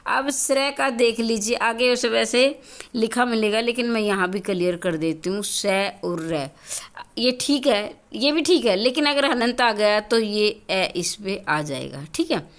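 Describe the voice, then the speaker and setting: At a measured pace and in a slightly high voice, a female teacher gives a classroom-style grammar lesson. She explains each step, raises questions only to answer them herself, and repeats key points to her students.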